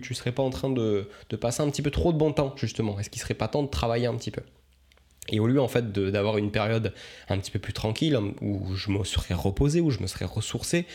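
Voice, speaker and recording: A man's voice: on the low side, darkish tone. A young man, a coach, musing aloud in a casual podcast monologue, rambling and reflective with many fillers and restarts.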